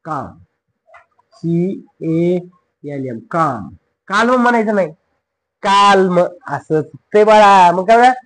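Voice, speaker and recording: A man's voice: high-pitched, expressive, a little slow, low-quality recording. A man with a Marathi accent teaches English pronunciation in a classroom style. He spells words out letter by letter, drills each word again and again, and playfully scolds wrong answers.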